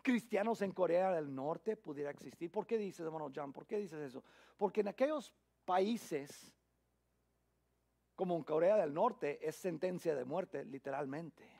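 High-voiced man preaching a sermon. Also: lively intonation, a little slow, vocal fry. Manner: dramatic swings from loud emphasis to hushed near-whisper; frequent restarts and repeated words. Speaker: pastor.

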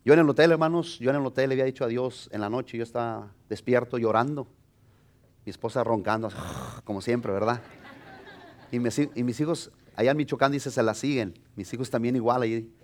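A man's voice: mid-range voice, fairly quick, a little mellow. A man, a pastor telling a personal testimony in a sermon, with many restarts and fillers. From Mexico.

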